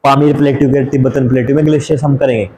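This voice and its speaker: A man's voice: mid-range voice, level tone, racing, mellow, echoey room, slight background noise, low-quality recording. A man teaching geography from a map, asking rhetorical questions, drawling and repeating place names, and mixing in English phrases. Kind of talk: map lesson for exam students.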